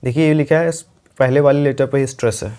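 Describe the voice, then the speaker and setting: A young man with an Indian accent teaching an English grammar lesson. His voice is mellow and warm at an average pitch. He explains patiently and repeats each example sentence slowly, as if for dictation. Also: steady tone, clean tone.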